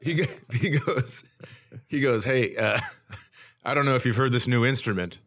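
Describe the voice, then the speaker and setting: Medium pitch, moderate pace and a slightly bright tone mark this man in his forties, a comedian who hosts a podcast. He tells stories casually for laughs, performing the dialogue with mock bravado.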